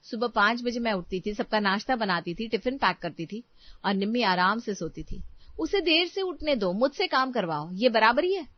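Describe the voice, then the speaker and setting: A woman's voice: on the high side, very animated, moderate pace, no room sound, highs cut off. A woman voicing a resentful young daughter-in-law who speaks in a bitter, accusing way.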